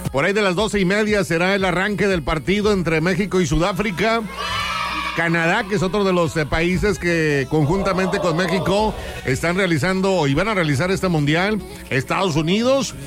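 Male morning radio host, northern Mexican accent, high register, ringmaster showmanship, folksy slang, music underneath. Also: moderate pace. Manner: folksy, slangy, addresses listeners as a crowd. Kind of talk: live morning radio show patter. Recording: music bed behind the voice.

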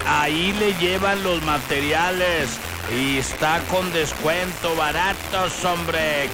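A man's voice: a little high, rough recording. A man, a radio host chatting his way through a live ad with folksy jokes. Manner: folksy, chatty, joking asides. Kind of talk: casual live radio ad read. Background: loud music.

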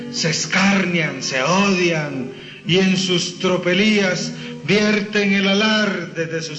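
A man from Mexico's Costa Chica with a coastal Mexican accent, reciting a long poem in a solemn, sing-song declamatory style. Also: fairly high pitch. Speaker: poet reciting. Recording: roomy, dull lo-fi recording with music. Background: music playing.

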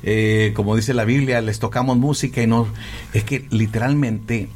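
A man, a pastor co-hosting a radio conversation, speaking earnestly and filling pauses with "eh". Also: medium pitch, steady tone, a little mellow. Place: radio studio. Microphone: studio microphone.

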